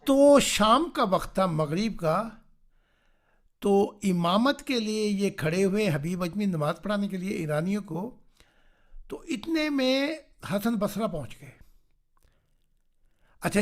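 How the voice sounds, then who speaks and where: Animated male preacher telling a story on a video call, checking in with his listeners. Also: high voice, pauses often. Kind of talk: storytelling sermon. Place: online meeting.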